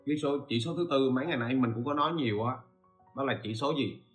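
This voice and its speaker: A man's voice: medium pitch, fast, soft background music. A man hosts a podcast lesson, explaining step by step and often stopping to ask listeners if they follow. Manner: asks rhetorical questions and checks in with listeners. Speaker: podcast host teaching e-commerce. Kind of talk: informal spoken lecture.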